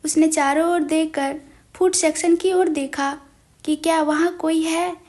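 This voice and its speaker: High-voiced woman storyteller. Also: steady tone, unhurried, a little mellow. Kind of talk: scripted story narration.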